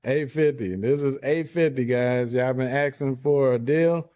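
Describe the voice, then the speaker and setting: Brief: mellow, dark-voiced man, easygoing vlog host pointing things out, mid pitch. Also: a little slow. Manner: relaxed, admiring, talks to viewers as y'all. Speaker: home tour vlogger. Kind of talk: casual walkthrough chat.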